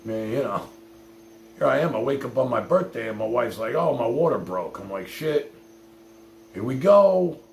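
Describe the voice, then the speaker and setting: Speaking at normal speed in an animated, mid-range voice with vocal fry, this middle-aged man shares personal stories with his livestream viewers. He's blunt and rambling, swears now and then, and leans on "you know", while a roomy echo carries faint hum and noise.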